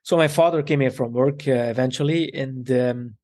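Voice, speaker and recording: A man with an Italian accent, a tailor raised in Belgium, speaking haltingly in a casual interview as the guest. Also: medium pitch, darkish tone. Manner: halting, repeats words.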